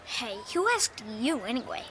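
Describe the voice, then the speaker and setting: Tough sarcastic cartoon girl, high voice that swings all over, music under it. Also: big pitch swings, moderate pace, background noise. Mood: scheming. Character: bossy, scheming, sharp-tongued young girl. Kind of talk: cartoon voice acting.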